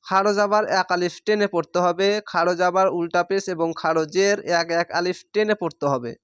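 A man teaching Quran reading, with a Bangladeshi Bengali accent, who spells out each syllable slowly and stretches the vowels. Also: high voice, a bit bright, clean tone, no room sound, studio quality. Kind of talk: spelling-out recitation lesson.

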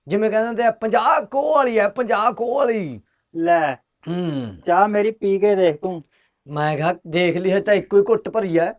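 An actor playing an easygoing village man who jokes over tea, speaking. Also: sits high. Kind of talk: casual drama dialogue.

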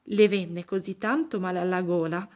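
A woman reading a fairy tale aloud to children, expressive and speaking to young listeners. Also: on the low side, normal speed. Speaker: children's story reader.

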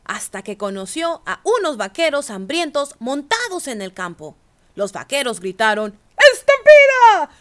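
Storyteller: a woman with a bright, high voice reading a children's book with plenty of expression. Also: big pitch swings, normal speed.

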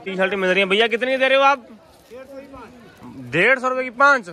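With an extremely high, bright, forceful voice and a slightly fast pace, a street market vlogger keeps up repetitive, sales-style narration for viewers. He quizzes vendors on prices amid a busy outdoor market.

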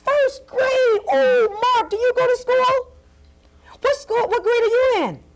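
High-pitched cheerful clown woman. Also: slow pace, exaggerated voice. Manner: sing-song, coaxing, addressing children. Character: cheerful female clown craft teacher. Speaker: arts and crafts host. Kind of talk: children's TV craft lesson.

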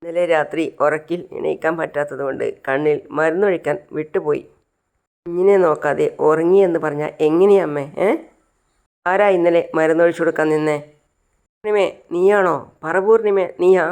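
A woman's voice: sits low, fairly even intonation, moderate pace, a little mellow, smooth. A woman voicing a worried young father pressing for answers. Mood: anxious. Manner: anxious, pressing questions.

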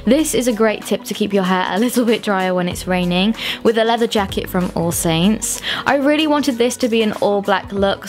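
A woman in her twenties, a fashion vlogger giving friendly, upbeat voice-over tips on outfits. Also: mid-range voice. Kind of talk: scripted lookbook voice-over. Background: faint music.

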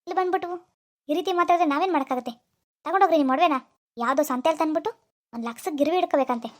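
Cartoon: woman doing a high-pitched, rapid-fire, impatient shopkeeper who scolds. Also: close to an everyday voice. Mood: scolding. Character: irritable male pawnbroker, bossy and scornful. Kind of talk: animated cartoon dialogue.

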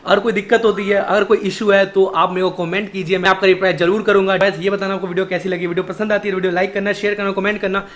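A man's voice: high voice, level tone, fast talker, few pauses, a bit bright. A young man in his twenties with a Delhi accent, hosting a casual vlog and chatting in a friendly way, recorded on a phone held at arm's length in a small indoor shop office. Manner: chatty, friendly, calls the other man brother. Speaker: vlogger host. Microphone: phone camera held at arm's length.

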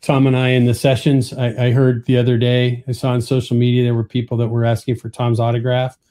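A man's voice: medium pitch, completely flat delivery, quick pace, warm tone. A man co-hosting a podcast, friendly and casual, often repeating words as he starts a thought. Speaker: podcast co-host. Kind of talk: casual chat.

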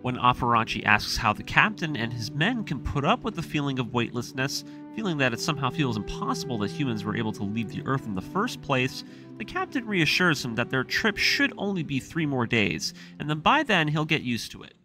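With music playing in the background, a man hosting a video series gives a conversational, semi-scripted recap. He speaks at a medium pitch, very animated and a little fast.

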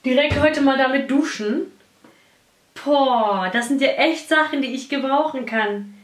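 A young woman vlogging an unboxing in a gushing, excitable way. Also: sits high, unhurried. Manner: gushing, excitable, squeals and laughs over gifts. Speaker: beauty vlogger. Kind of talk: casual unboxing vlog. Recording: echoey room, faint noise.

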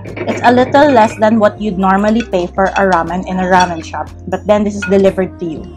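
A woman's voice: mid-range voice, fairly even intonation, a little fast. A middle-aged Filipino-accented woman reviewing food in casual chat, talking between bites and mixing Tagalog into her English. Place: outdoor patio table. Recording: music and clinking dishes behind.

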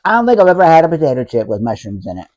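A man eating and talking at once, his mouth partly full as he reviews a snack. His voice is mellow and soft-edged, and his talk is loose and rambling. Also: on the high side, muffled recording. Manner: relaxed, rambling, drawn-out musing. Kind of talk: casual vlog review.

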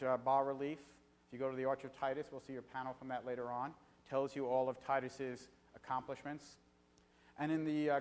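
A middle-aged man giving an evening lecture in a conversational way, pausing often on filler sounds. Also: medium pitch. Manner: conversational, frequent filler pauses. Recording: reverberant hall.

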